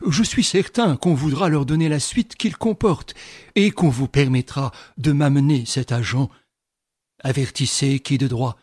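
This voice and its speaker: A man's voice: mid-range voice, unhurried, darkish tone, dry recording, natural voice. A man reading aloud and voicing an old army general who presses his case with emphatic, raised delivery. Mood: commanding. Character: old male army general, insistent and proud.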